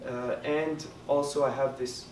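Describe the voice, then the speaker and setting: In a lounge hall debate, a student election candidate whose first language is French replies in an unhurried, medium-pitched voice with fairly even intonation. He comes across as earnest yet hesitant, using many fillers, and the roomy recording from a distant mic carries background noise.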